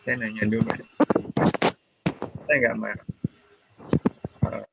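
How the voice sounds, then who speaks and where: A man's voice: fairly low pitch, little pitch movement, slow pace, gravelly. A middle-aged Indonesian man giving an online religious seminar to mothers, conversational, asking questions and answering them himself. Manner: acts out a scolding parent in quoted lines. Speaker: Islamic preacher. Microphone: video call. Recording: dull video call audio with faint noise.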